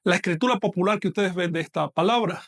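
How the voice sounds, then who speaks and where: High-voiced man teaching a language class. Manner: measured, patient explaining, slows down to model pronunciation. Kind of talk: online lecture.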